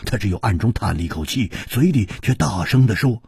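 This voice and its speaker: A man narrating a martial-arts tale in traditional oral storytelling style, vivid and animated. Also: on the low side, brisk, creaky, slightly rough, no room sound, studio quality.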